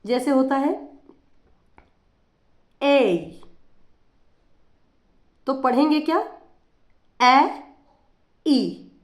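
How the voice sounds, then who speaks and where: A woman's voice: high voice, darkish tone, echoey room. A woman teacher explaining phonics in a patient lesson, repeating examples as she goes.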